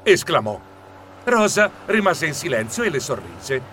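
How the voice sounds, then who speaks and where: A man narrates a children's story with theatrical flair. His voice is bright and lively, swinging widely in pitch, and sits a little high for a man. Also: unhurried, slight background noise. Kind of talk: expressive audiobook narration.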